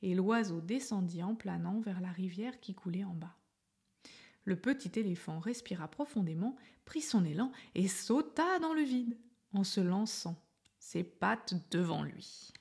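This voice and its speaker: A woman reading a children's story aloud in a soft, gentle way, often half-whispered. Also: mid-range voice, expressive, measured pace, slightly rough.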